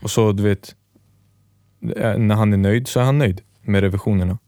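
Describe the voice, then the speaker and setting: Low-voiced man telling a rambling story. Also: steady tone, dark tone, dry recording, clean studio sound. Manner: rambling storyteller, acts out quoted dialogue. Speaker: podcast co-host. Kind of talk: casual chat.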